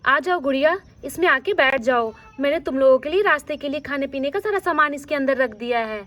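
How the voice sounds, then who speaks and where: Lady voicing a kind motherly sister-in-law in a doll story, high voice, soothing and bossy. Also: fairly quick, a bit bright. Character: caring elder sister-in-law.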